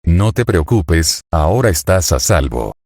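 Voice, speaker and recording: A man voicing a calm, brave young male hero in a reassuring, gentle way. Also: low voice, unhurried, breathy edge, no echo, studio quality, exaggerated voice.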